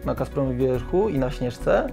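A middle-aged man heading a weather observatory, answering interview questions in a measured, factual way with small hesitations. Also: medium pitch, animated, creaky, warm tone, soft background music. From Poland. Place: small office inside a mountain observatory.

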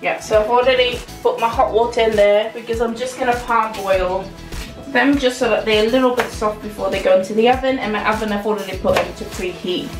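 A woman's voice: a little high, fairly even intonation, fairly quick, over music. A young woman chatting through a recipe as she cooks in her home kitchen, hesitant and casual with plenty of ums. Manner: chatty, hesitant with many ums, talks while cooking. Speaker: cooking vlogger. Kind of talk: casual cooking walkthrough. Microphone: camera mic in the kitchen.

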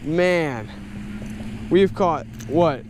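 A teenage boy with a high, bright-toned voice talking casually to his viewers while fishing. He's excitable and throws in dude and bro constantly. It's caught on an action camera outdoors, with faint traffic hum behind him. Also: very slow. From Texas. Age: teens. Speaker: fishing vlogger. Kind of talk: casual vlog. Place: outdoors by suburban ponds. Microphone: handheld or body-mounted action camera.

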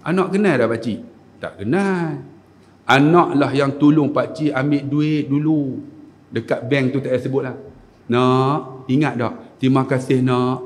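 Animated Kedah-accented preacher. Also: male voice, mid-range voice. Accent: Kedah Malay. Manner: animated, acts out scenes with shouted voices. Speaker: religious lecturer (ustaz). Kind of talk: sermon with humorous storytelling. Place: mosque hall. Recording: echoey mosque hall.

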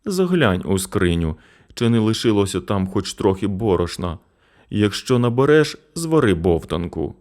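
A man's voice: fairly low pitch, sing-song, moderate pace, darkish tone. Brief: a tender sick mother, faint and tired as a man acts her out, storybook. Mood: weak. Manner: weak, faint voice. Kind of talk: storybook narration.

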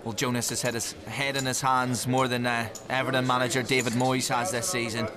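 A man giving live poker commentary, lively, jokey and emphatic. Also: mid-range voice, brisk. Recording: crowd noise in the venue. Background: crowd noise.

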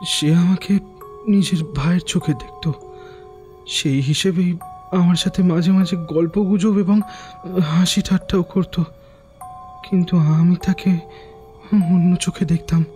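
A man acts out a young man under hypnosis in an audio drama, replying in a flat robotic monotone. The words come very slowly, one after another. His voice sounds dark and soft, with no life in it. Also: high voice, soft background music. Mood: entranced. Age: young adult. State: entranced, mechanical voice.

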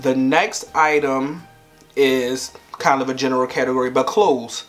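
A man's voice: medium pitch, fairly even intonation, a little slow, soft background music. A young man in his twenties chatting playfully to camera at home, laughing often. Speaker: vlogger. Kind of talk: casual chat to camera.

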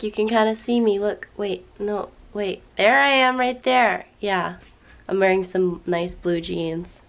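Chatty teen girl with vocal fry. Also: mid-range voice. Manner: chatty and excitable, talks to viewers as "guys". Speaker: vlogger. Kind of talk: get-ready-with-me vlog chat. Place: home while getting ready.

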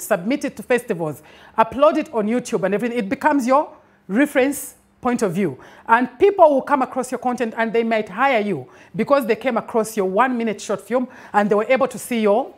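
A Zambian woman in her forties leads a master class in a bright indoor studio. Her voice sits a little high. She talks with emphasis and keeps pausing to check that her listeners follow. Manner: emphatic, checks in with a frequent "okay?". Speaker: film industry master class speaker. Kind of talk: instructive talk to an audience.

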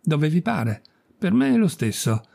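A man's voice: fairly high pitch, very animated, a little slow, creaky, mellow, full character voice. A man reading the lines of an irritable, indifferent young Italian woman in a storybook, curt and scornful.

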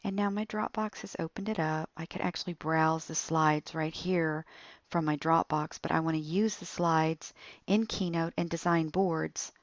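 A woman walking through an app tutorial step by step, in a slow, explaining way. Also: low-pitched, steady tone, no room sound, muffled recording. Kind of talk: screen-recorded app tutorial.

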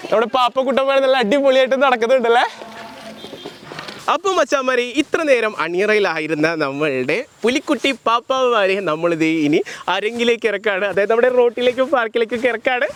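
A man's voice: very high-pitched, brisk, a bit bright, a little hiss or hum. A young man chatting playfully to his viewers while making and wearing costume puppets, outdoors. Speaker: vlogger. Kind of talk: casual DIY vlog narration. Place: outdoors, street and park.

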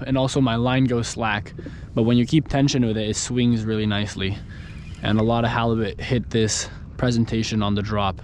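This fishing vlogger, a young man in a kayak on the open ocean, gives a casual, relaxed explanation of his setup while working with his gear. A mounted action camera records his medium-pitched voice outdoors, with slight background noise.

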